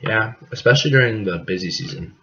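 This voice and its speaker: A young man from the US Midwest co-hosting a casual podcast, joking and rambling with deadpan asides, coughing now and then. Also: fairly low pitch, fast. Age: young adult. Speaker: podcast co-host. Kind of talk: casual chat. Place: apartment living room. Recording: dull lo-fi home recording, faint noise.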